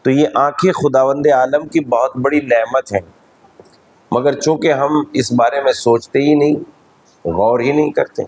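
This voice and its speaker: A man with an Indian Urdu accent, a cleric giving a measured, teacherly religious lecture at a majlis. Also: mid-range voice, steady tone, a little mellow, husky, poor audio.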